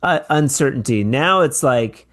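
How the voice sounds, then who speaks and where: A man's voice: medium pitch, animated, a little slow. Encouraging male podcast host. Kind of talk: casual conversation.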